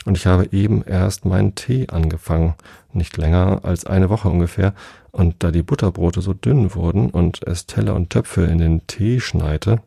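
A man's voice: deep voice, moderate pace, gravelly, mellow, husky, dry recording, clean studio sound, heavily acted. A man voicing a nervous, fearful hatter on trial in a read-aloud storybook.

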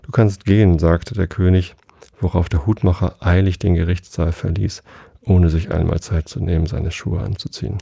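A man reading a children's classic aloud in plain, even storytelling, recorded close and dry. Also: sits low, moderate pace, gravelly, husky, dry recording. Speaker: audiobook reader.

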